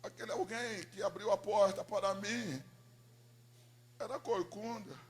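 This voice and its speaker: A man, a pastor giving an emotional sermon testimony, telling his story dramatically and moving from hushed to loud. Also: high voice, a little slow.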